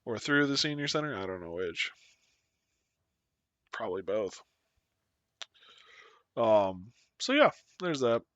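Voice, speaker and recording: Young streamer dude winding down, yawny and rambly, bright clear voice. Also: male voice, fairly low pitch, very animated, slow, long pauses, no room sound. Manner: rambling, self-deprecating, chatting with viewers. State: sleepy, yawning. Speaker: Twitch streamer. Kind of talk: casual live-stream chat.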